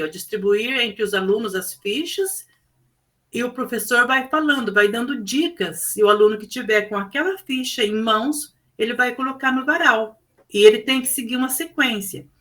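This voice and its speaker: A woman's voice: fairly high pitch, sharp tone, poor audio. A woman teacher with a Brazilian Portuguese accent, presenting her classroom project in an explanatory way with frequent fillers.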